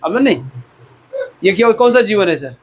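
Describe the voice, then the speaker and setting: A man's voice: sits high, big pitch swings, normal speed, husky. A man from India preaching a sermon as pastor, exhorting the listeners and repeating key words for emphasis.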